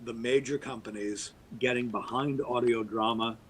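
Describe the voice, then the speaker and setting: Speaking at a normal speed with a steady tone, a middle-aged man holds forth on a podcast, emphatic and swinging widely in pitch as he offers his opinions at length. There's a little hiss or hum on the rough recording.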